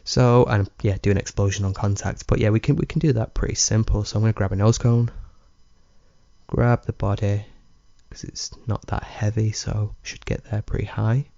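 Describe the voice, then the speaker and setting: A man with a low, dark, mellow voice talks through his gameplay in a relaxed, rambling way, chuckling as he goes. The sound is dry and a little dull, like a lo-fi home mic. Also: normal speed, creaky, no echo. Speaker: let's play gamer. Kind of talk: casual gameplay commentary.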